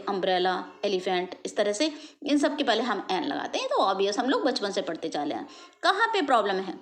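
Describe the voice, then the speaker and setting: A woman teaching an English grammar lesson, explaining step by step, spelling out letters and checking in with "okay?" after each point. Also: mid-range voice. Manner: checks understanding with frequent "okay?" tags; spells out letters and examples slowly.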